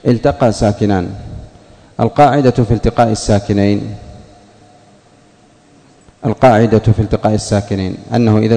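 Arabic grammar teacher in a reverberant hall. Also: male voice, lowish voice, warm tone. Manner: repeats key points and questions the students. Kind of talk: classroom lesson. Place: classroom.

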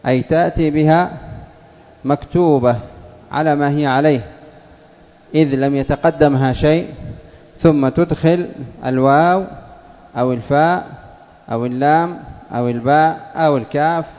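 A male teacher giving a classroom lesson, patiently asking questions and repeating words slowly for his students. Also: on the high side. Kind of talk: classroom lesson on Arabic spelling. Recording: dull lo-fi recording, long reverb of a hall.

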